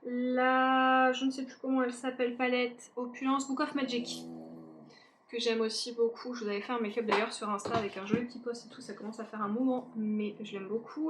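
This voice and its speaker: Woman beauty vlogger, fairly high voice, chatty and self-mocking, faint background noise. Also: a bit bright. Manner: chatty, self-mocking, talks to viewers directly. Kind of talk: casual makeup declutter chat.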